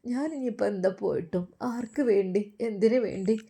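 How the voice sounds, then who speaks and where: A woman's voice: mid-range voice, a little fast, gravelly, dark tone, close to an everyday voice. Woman doing a sobbing hopeless young wife. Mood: tearful, hopeless. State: crying.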